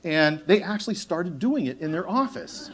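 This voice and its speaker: Guy giving a keynote on stage, kinda high voice, animated, jokey, does little voices. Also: moderate pace, slight background noise. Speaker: keynote speaker. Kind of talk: motivational conference talk.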